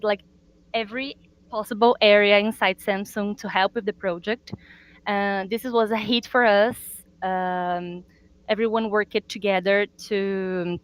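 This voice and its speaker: A woman from a marketing team presenting results on a video call, earnest and halting, with frequent fillers. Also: mid-range voice, clear, resonant tone, rough recording. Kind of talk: business presentation.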